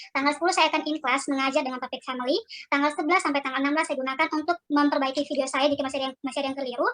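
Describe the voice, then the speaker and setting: A woman's voice, disguised by a voice changer, rushes through a formal presentation of her project plan. Her voice sits high and she speaks at a very fast clip, leaning on "nah" and "di sini" as she moves between slides. The sound comes through a video call. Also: a bit bright.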